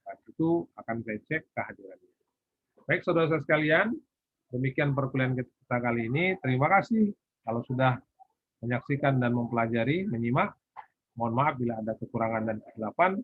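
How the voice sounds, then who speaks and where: A university lecturer, male, speaks at a medium pitch, animated and fairly quick, in a recorded online lecture for a YouTube class. He poses questions and answers them himself while setting assignments. The audio is dry with no room sound, but tinny and phone-like, and his voice is husky.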